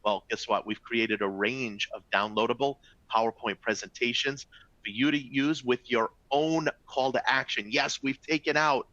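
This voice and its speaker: With a mid-range, pushed and bright voice at a moderate pace, a middle-aged travel executive with a Boston accent hosts a training webinar. He's upbeat and chatty, frequently saying "folks" and "all right?", and the recording sounds dry and muffled.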